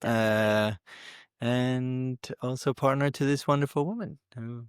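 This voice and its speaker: A man with a mixed international accent, chatting as a podcast guest in a relaxed, joking way. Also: medium pitch, slow pace, smooth, no echo, clean studio sound. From Australia. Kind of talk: casual chat.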